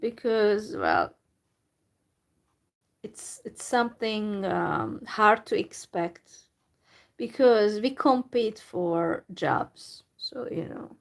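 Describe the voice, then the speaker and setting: A Hungarian woman YouTuber with a Hungarian accent delivers a live video monologue in a downcast, resigned way, full of hesitant pauses. Her voice is mid-range and gravelly.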